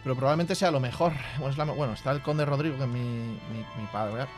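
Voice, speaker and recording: A man's voice: mid-range voice, quick pace, loud music behind the voice. Chatty man. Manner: chatty, swears freely, reads game text aloud. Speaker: gaming youtuber. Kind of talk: casual let's play commentary.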